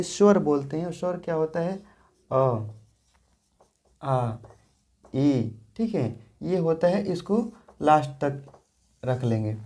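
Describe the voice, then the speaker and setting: A woman teaches English grammar in a classroom lesson, patiently explaining, asking questions and answering them herself, and often checking in with "theek hai." Her voice is fairly low and warm.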